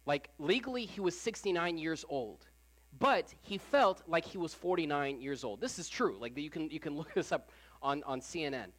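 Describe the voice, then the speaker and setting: A preacher at a Sunday service, talking to the congregation in a relaxed, everyday way rather than a formal one. Phrases get repeated for emphasis, and "like" fills the gaps. The pitch sits in a middle range. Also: normal speed. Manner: casual, repeats phrases, frequent "like" fillers. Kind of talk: conversational sermon.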